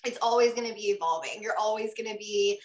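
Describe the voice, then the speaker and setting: A woman's voice: medium pitch, fast talker, echoey room. An American woman hosting an interview, effusive and enthusiastic, with plenty of fillers. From United States. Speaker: podcast host. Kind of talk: casual interview conversation.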